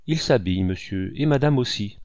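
A man's voice: on the low side, lively intonation, normal speed, a little mellow, dry recording, clean studio sound, lightly acted. A man reading an audiobook and voicing a deferential young housemaid.

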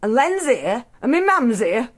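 A middle-aged woman performing a brash comic monologue, swinging from loud to quiet. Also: a little high, sing-song, unhurried. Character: brash middle-aged female ex-reality star. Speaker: solo stage performer.

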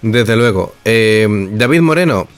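A man from hosting a casual sports talk show, speaking haltingly with frequent filler sounds. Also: lowish voice, animated. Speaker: podcast host. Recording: music bed behind the voice. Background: music.

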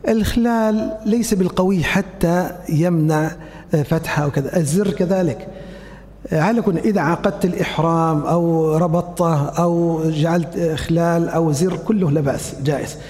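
A man's voice: on the high side, moderate pace, darkish tone. A man giving a religious lecture, demonstrating steps and asking and answering his own questions. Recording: long hall reverb.

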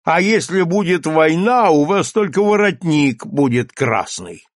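A man's voice: on the high side, very animated, a little slow, no echo, clean studio sound, pitched above the performer's own voice. A man voicing a hot-tempered male village schoolteacher in an audiobook, heated and mocking. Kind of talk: audiobook character reading.

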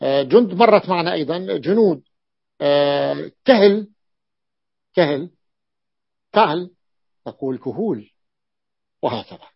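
Teacher, male, husky, slightly high voice, patient repetitive explaining, dry lo-fi recording. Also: lively intonation, no echo. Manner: explains slowly, repeating words and patterns. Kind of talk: classroom grammar lesson.

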